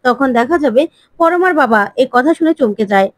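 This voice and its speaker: A woman retelling a TV serial episode as a story, narrating in a steady, plain way. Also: sits high, a little fast, no echo. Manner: steady plain narration with simple connecting phrases.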